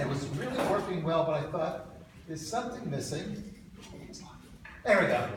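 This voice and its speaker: In a very echoey room with loud noise, a man in his sixties gives an informal lightning talk. His voice sits a little high, and he speaks off the cuff with wry asides. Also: recorded from a distance. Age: 60s. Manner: off-the-cuff, wryly self-deprecating, with asides. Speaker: speaker at an alumni reunion talk. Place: echoey indoor presentation room.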